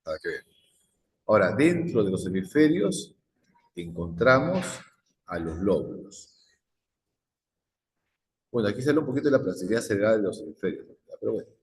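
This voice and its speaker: A man's voice: on the low side, very animated, moderate pace, pauses often. A male psychology teacher, lecturing a class and firing repeated questions at the students. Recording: echoey classroom with long reverb.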